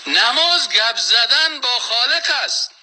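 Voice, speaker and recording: A man giving a religious lecture as a preacher, slowly reciting verses and then rising into emphatic, insistent points. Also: very high-pitched, lively intonation, sharp tone, slight background noise, poor audio.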